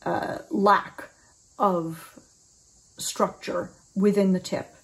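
A woman's voice: medium pitch, steady tone, very slow, vocal fry. A woman in her forties teaching oboe reed making in a thoughtful, explanatory way with frequent ums, recorded in a small room at home. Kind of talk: instructional video.

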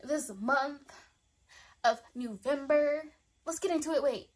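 A woman's voice: sits high, takes it slowly. A young woman chatting casually to camera as a beauty vlogger, slang-heavy and laughing often.

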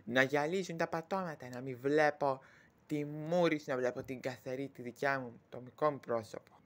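A performer voicing a stingy, stern old father in a Greek shadow-puppet play, lecturing slowly. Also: medium pitch, fairly bright tone, natural voice. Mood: gloating.

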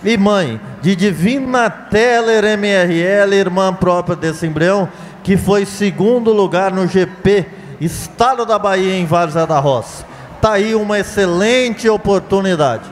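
A Brazilian man with a high-sitting voice works as an auction commentator, presenting lots in an unhurried, formal way. He announces each lot like a sales pitch, listing its achievements one after another. There's slight background noise and a long hall reverb.

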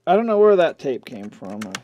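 A man with a fairly high voice talks a little fast, tossing out casual repair commentary half to himself as he works by hand. He hosts an electronics repair channel. The audio from the camcorder mic near his indoor workbench sounds dull, with steady background noise and handling clicks.

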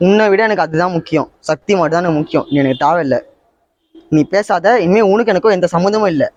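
A man's voice: high-pitched, quick pace, a little mellow, no room sound, muffled recording, close to an everyday voice. A young man playing a boyfriend forced to choose between his girlfriend and his sister, who answers tersely and defensively. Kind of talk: amateur skit acting.

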